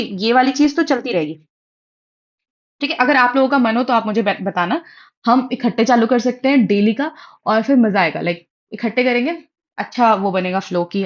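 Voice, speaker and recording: A young woman giving casual exam study advice, chatty and mixing English phrases into her Hindi. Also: fairly high pitch. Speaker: exam prep tutor. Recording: dull lo-fi audio.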